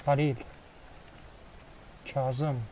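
Excitable man calling a football game. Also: medium pitch, extremely slow, slight background noise, poor audio. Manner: excitable play-by-play, swears casually. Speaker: gaming commentator. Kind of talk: casual football game commentary.

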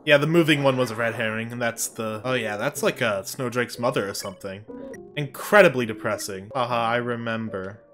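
A man streaming a game, joking, swearing and reacting loudly with laughs and yelps. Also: mid-range voice, a little fast. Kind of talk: casual gameplay commentary. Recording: game music behind the voice.

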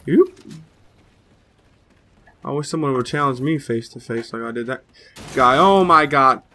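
A slightly hoarse young man giving excitable, trash-talking live commentary over his own gameplay as a gaming channel host. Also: medium pitch, a little slow. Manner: excitable trash talk, cursing. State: slightly hoarse, a little sick.

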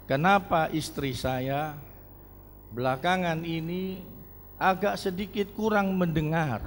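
A man's voice: on the high side, slow pace, slight background noise. A man playing a puzzled husband complaining to a doctor, in a church hall with long reverb. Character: worried husband asking a doctor.

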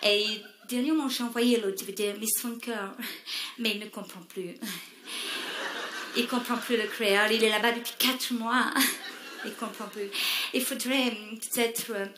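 A woman's voice: a little high, steady tone, moderate pace, a bit bright, echoey room, slight background noise, natural voice. A woman voicing a pretentious middle-aged Creole mother from Réunion who gushes and drops English words into her French, with a Réunion Creole accent. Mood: gushing. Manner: affected, gushing, sprinkles English words. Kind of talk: stand-up character sketch.

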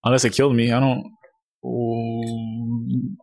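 A man's voice: mid-range voice, little pitch movement, slow pace, gravelly, darkish tone, no echo. A young man playing games with friends, casual and playful, with slangy, swearing reactions. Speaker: gamer, video host. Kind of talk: casual gameplay banter with friends.

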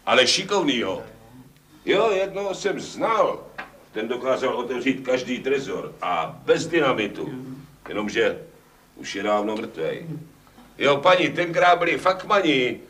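Lively storytelling old man, heard from a distance. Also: mid-range voice. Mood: reminiscing.

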